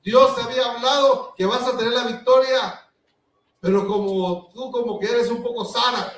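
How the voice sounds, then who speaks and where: A man's voice: very high voice, fairly even intonation, normal speed, a bit bright, a little hiss or hum. A man preaching a sermon as pastor, acting out the scripture with dramatic emphasis. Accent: Latin American Spanish. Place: church hall. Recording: echoey church from a distance.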